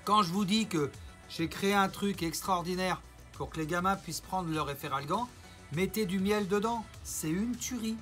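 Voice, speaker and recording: A man vlogs in a loose, rambling rant full of mocking asides. His voice sits high and sounds bright and forceful. Faint music plays underneath. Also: normal speed. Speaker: YouTuber. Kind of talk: casual vlog rant.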